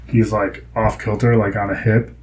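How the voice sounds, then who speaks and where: A man's voice: lowish voice, flat delivery, normal speed, darkish tone, rough recording. A young man chatting casually, telling rambling stories full of fillers. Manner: rambling, filler-heavy storytelling. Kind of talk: casual chat.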